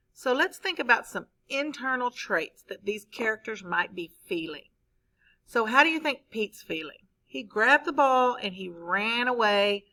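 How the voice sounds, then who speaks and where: Bright-voiced woman teacher reading aloud. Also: fairly high pitch, low-quality recording. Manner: expressive, asks the class questions. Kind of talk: reading a story aloud to a class.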